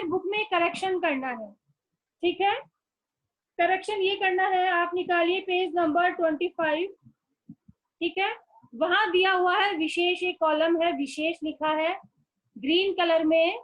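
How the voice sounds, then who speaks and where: A woman's voice: very high voice, lo-fi sound. A woman schoolteacher giving an online class lesson, speaking patiently and repeating words for young children.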